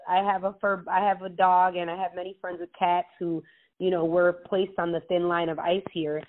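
A woman's voice: on the low side, level tone, normal speed. A woman state legislator answering interview questions earnestly, rambling with many restarts over a phone call. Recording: tinny phone line.

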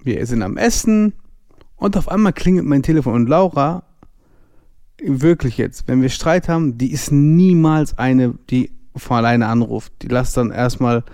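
A young man tells a story in a relaxed, slangy way and acts out the dialogue as he goes. His voice sits at an ordinary pitch. The recording is dry and close to the mic. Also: measured pace, no echo. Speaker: podcast co-host. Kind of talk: casual storytelling chat.

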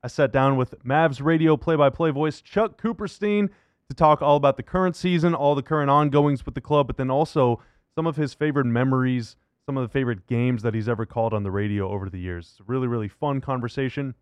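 A medium-pitched man with a clear, resonant tone talks fairly quickly while hosting a sports radio show, casually chatting about basketball in an upbeat intro and interview. No echo is present.

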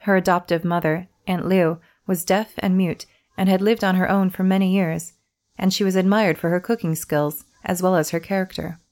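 Woman narrator, lower register, steady first-person storytelling read. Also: normal speed. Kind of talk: scripted narration.

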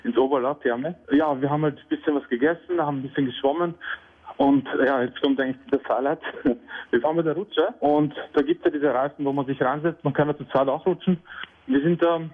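A man with an Austrian accent calling a radio show, telling an embarrassing story in an excitable, giggly way. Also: fairly high pitch, brisk. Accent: Austrian German. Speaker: caller. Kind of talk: telling an anecdote on air. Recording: phone line on radio.

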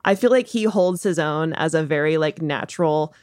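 A woman's voice: low-pitched, moderate pace, darkish tone, no room sound, studio quality. A woman co-hosting a casual film-review podcast, talking in a wry, jokey, irreverent way. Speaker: podcast co-host.

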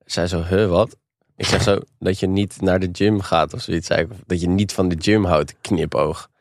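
A young Dutch man in his twenties on a student podcast, telling stories deadpan with mumbled asides. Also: sits low, a little fast, no room sound, clean studio sound. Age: 20s. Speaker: podcast co-host. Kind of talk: casual chat.

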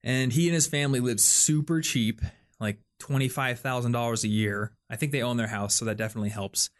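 A young man hosts a relaxed podcast conversation. His voice sits at a middle pitch, and he rambles as he works through his ideas, leaning on fillers and restarting his sentences. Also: fairly quick. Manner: rambling, filler-heavy, thinks aloud. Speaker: podcast host. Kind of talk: casual chat.

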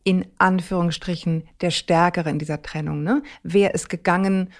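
A woman's voice: on the low side, fairly even intonation, moderate pace. A woman hosting a conversational interview, reflective and summarizing, often ending thoughts with a questioning tag. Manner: reflective, summarizing with frequent "ne?" tags. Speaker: podcast host.

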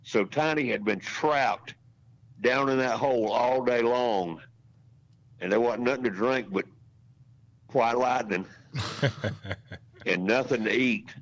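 A man's voice: mid-range voice, takes it slowly, pauses often. A man in his sixties, a racetrack announcer, telling rambling, folksy stories as a podcast guest. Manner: folksy, rambling anecdotes with restarts. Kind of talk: casual storytelling in a podcast interview. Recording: dull lo-fi audio.

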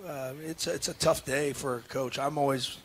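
A man's voice: medium pitch, steady tone, moderate pace, fairly bright tone, a little hiss or hum. A man, a head basketball coach, talking earnestly in a casual radio interview, with many restarts and fillers. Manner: earnest, emotional.

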